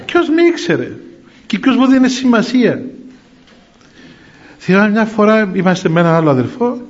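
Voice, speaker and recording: A male monk preaching through personal stories, chuckling as he goes and firing off rhetorical questions. His voice sits fairly high for a man. The recording is dull and lo-fi. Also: lively intonation. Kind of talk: storytelling sermon.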